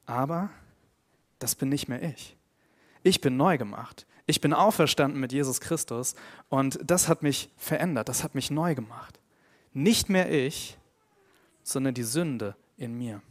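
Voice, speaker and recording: A man preaching a sermon in an earnest tone, growing emphatic on his main points and dropping quiet and slow on key phrases. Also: medium pitch. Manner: earnest, grows emphatic and louder when stressing points.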